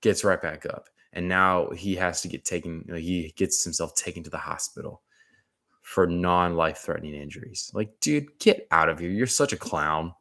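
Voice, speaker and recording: A man with a very deep voice talks football in a loose, rambling way. He piles on slang like "man", "dude" and "bro" and often restarts his sentences. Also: moderate pace, bright, forceful tone. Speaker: sports commentator. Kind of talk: casual sports talk.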